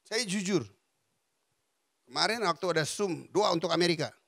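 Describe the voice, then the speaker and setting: A man's voice: high voice, moderate pace, creaky, dry recording, clean studio sound. A male pastor preaching a sermon, telling stories with frequent laughter. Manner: animated storytelling preacher, laughing often.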